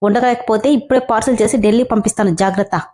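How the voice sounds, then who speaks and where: Strict young boss, scolds in clipped orders; a woman reads him in her own mellow voice. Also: a little high, brisk, close to an everyday voice. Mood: stern. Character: stern young male company boss, curt.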